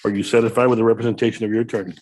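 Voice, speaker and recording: An American man speaking as a judge, reciting formal courtroom admonitions in a brisk, rote, procedural way like a court clerk. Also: fairly low pitch, little pitch movement, a little mellow, poor audio.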